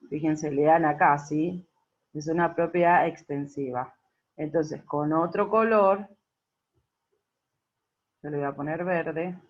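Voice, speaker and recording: Woman teacher, patient and checking in often, fairly low voice, muffled lo-fi recording. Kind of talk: recorded class explanation. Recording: dull lo-fi recording.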